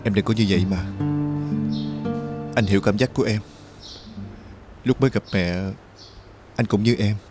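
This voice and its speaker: A young man acting as a son who pleads with his mother and gently talks with his brother, in earnest drama acting. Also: fairly low pitch, moderate pace, pauses often, music in the background, lightly acted. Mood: gentle. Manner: earnest, pleading, rising to anguish. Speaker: grieving son.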